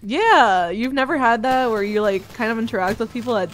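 A woman chatting casually with a friend during a game stream, rambling, animated and swearing freely. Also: fairly high pitch, fairly quick, slight background noise. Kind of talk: casual chat.

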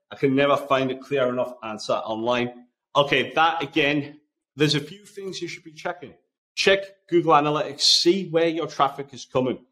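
A man's voice: medium pitch, fairly bright tone. A man with a Geordie accent hosting a live podcast, answering listener questions in a conversational, step-by-step way. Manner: conversational, explaining step by step with lists. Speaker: podcast host.

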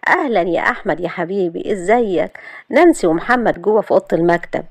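A woman reading as a brisk, motherly matriarch. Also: fairly low pitch, expressive, dry recording. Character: kind middle-aged mother of the house. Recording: dry close recording.

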